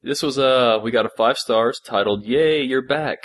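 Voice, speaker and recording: A man with a mid-range voice, talking at moderate speed, co-hosts a podcast. The conversation is a casual, jokey, meandering chat about an audio drama.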